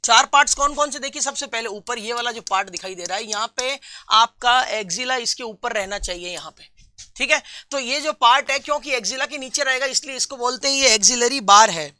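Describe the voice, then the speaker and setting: A man teaching a live online class for nursing exam students. He reads out viewers' answers, calls them friends and repeats key terms slowly. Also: very high voice, pushed and bright, no room sound, clean studio sound.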